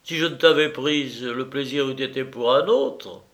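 A man's voice: medium pitch, normal speed, fairly bright tone, close to an everyday voice. A man voicing a cold, arrogant aristocratic baron who speaks curtly. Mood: indignant. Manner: curt and cold.

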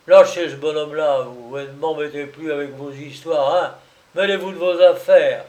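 A man's voice: fairly high pitch, moderate pace, a little mellow, close to an everyday voice, poor audio. A man voicing an impassive male police officer who gives curt orders. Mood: commanding. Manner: curt, commanding.

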